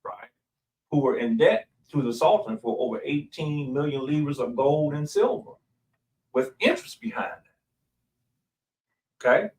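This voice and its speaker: A man's voice: fairly high pitch, normal speed, darkish tone, recorded from a distance, poor audio. A man, a pastor, explaining in a studio interview and asking rhetorical questions.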